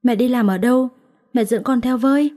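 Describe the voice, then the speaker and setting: A woman's voice: fairly high pitch, fairly quick, warm tone, voice pushed up, natural voice. A tearful little girl voiced by a woman. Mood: pleading tearful. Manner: pleading, crying. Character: ten-year-old girl, tearful and clinging.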